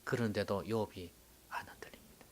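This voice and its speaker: A male pastor preaching a sermon, swinging dramatically from loud exclamations to hushed whispers. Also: lowish voice, a little fast, a little hiss or hum.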